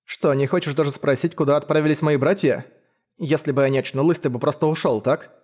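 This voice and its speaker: A man's voice: on the high side, fairly even intonation, fast talker, darkish tone, natural voice. A man voicing a young woman hunter who is bold and pleading, with a lilting, coaxing manner. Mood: teasing.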